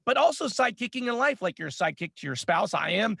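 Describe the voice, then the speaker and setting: A man's voice: sits high, very animated, fast, vocal fry, pushed and bright, breathy edge, dry recording, studio quality. A man co-hosting a podcast, asking earnest, conversational questions. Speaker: podcast co-host. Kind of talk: interview questions.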